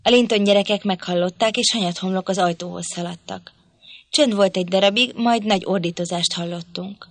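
A woman narrating an audiobook in an expressive reading voice. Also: medium pitch, no echo. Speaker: audiobook reader. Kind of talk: scripted narration.

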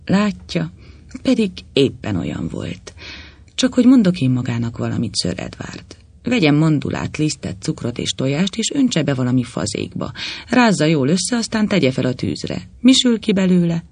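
A man doing a haughty old judge, booming and scornful. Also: wildly swooping pitch, gravelly, darkish tone, husky, no echo, exaggerated voice. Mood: lecturing.

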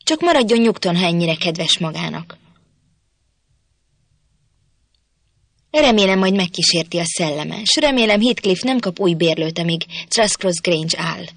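A woman voicing a cold, sharp-tongued young mistress of a farmhouse in a storybook, dismissive in manner. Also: mid-range voice, animated, vocal fry, no echo. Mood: scornful.

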